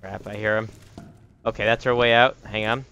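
A man's voice: lowish voice, fairly even intonation, moderate pace, pushed and bright, clear, resonant tone, no room sound, lo-fi sound. A man giving casual gameplay commentary, muttering and thinking aloud as he goes. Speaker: game streamer. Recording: faint background noise, clicking.

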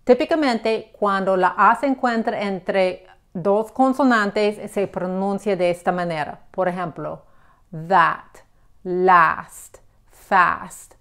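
A woman teaching English pronunciation, explaining slowly and checking in with the listener as she gives examples. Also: mid-range voice. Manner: patient, repeats examples, checks with "ok?". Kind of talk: slow explanatory lesson.

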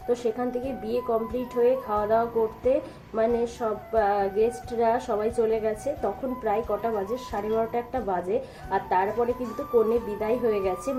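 Chatty, high-pitched woman vlogger. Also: dark tone, rough recording. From India. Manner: chatty, rambling, many fillers and restarts. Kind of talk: casual vlog narration and voice-over.

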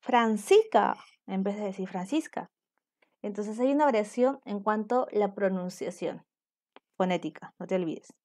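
A woman's voice: medium pitch, normal speed, a little mellow. A young adult woman from Peru, teaching a virtual class and explaining points while checking in with her students. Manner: explanatory, asks students for confirmation.

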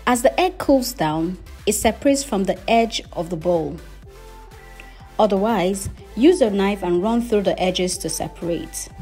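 A woman's voice: medium pitch, lively intonation, a little slow, warm tone, faint music behind. Woman narrating a cooking tutorial. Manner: friendly, instructive, step-by-step. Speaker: cooking channel host. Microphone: voice-over, not recorded on camera.

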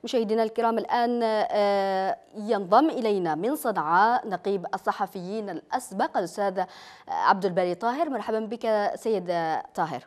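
A woman hosting a live TV news interview from a studio, asking questions quickly with many hesitant fillers. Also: mid-range voice. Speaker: news host.

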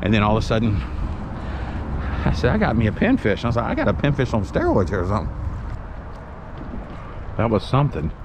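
A middle-aged man, narrating his fishing trip to an action camera in excited, folksy commentary. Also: fairly low pitch, fairly quick, pauses often. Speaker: fishing vlogger. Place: outdoors on a windy waterfront. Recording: outdoor wind and boat noise. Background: wind and water ambience.

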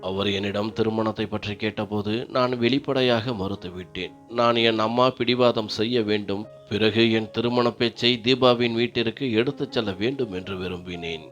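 Male storyteller, lowish voice, steady scripted narration over faint background music. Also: moderate pace, hardly any pauses, dull audio.

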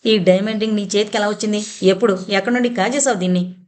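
A woman's voice: mid-range voice, fairly even intonation, fast, natural voice. A woman voicing an enraged young army man who believes he is a dead major, roaring and accusing. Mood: furious. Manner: roaring, accusing, shouting in fury.

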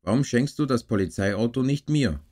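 A man voicing a cheeky young boy who pleads with his older brother, lifting his voice higher for the child. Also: animated, moderate pace, darkish tone, lightly acted. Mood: pleading. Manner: raised, eager childlike pitch.

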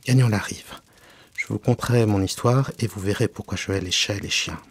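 A man's voice: fairly low pitch, fairly quick, slightly rough, no echo. A man voicing a small, touchy mouse that speaks in a piercing, indignant and trembling way.

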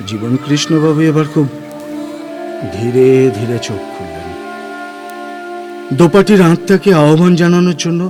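Slow suspenseful male narrator. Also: fairly high pitch. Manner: hushed, suspenseful storytelling. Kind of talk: scripted horror narration. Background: music.

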